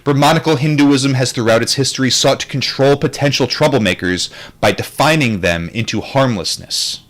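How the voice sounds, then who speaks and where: A man reads a book aloud at a moderate pace, his mid-range voice fairly bright in tone. He keeps breaking off into casual, rambling commentary full of wry, reflective asides.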